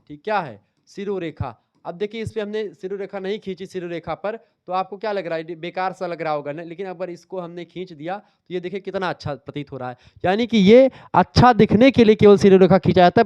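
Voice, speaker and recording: High, clear-voiced man teaching a lesson. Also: brisk, hardly any pauses, a little mellow, no room sound, lo-fi sound. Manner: explains step by step, repeating key terms and quizzing students. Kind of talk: exam revision lecture.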